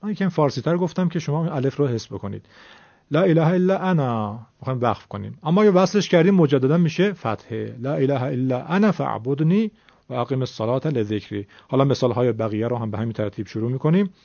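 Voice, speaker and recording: A man's voice: mid-range voice, lively intonation, creaky, a little mellow, no room sound, lo-fi sound. A man teaching Quran recitation in a recorded lesson, explaining rules patiently and drawing out example words to demonstrate them.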